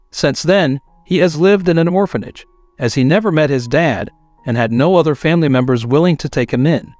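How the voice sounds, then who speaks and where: A man narrating a scripted story in a smooth, even, unhurried way. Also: a little high, no echo.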